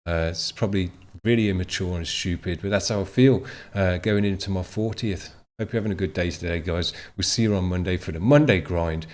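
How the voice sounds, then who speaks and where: Rambling enthusiastic man, low voice. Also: fairly quick, a little mellow. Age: 30s. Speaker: music channel host. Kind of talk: casual chat.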